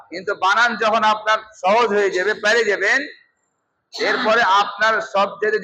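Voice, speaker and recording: A man's voice: sits high, bright, forceful tone, a little hiss or hum, poor audio. A man teaching a Quran class, instructive, repeating points and quizzing his students. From Bangladesh. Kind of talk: teaching a class, drilling letters.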